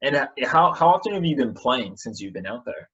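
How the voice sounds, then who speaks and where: A man's voice: medium pitch, big pitch swings, fairly quick, fairly bright tone. A man hosting a casual radio interview, easygoing and agreeable. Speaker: radio host. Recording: dull lo-fi audio.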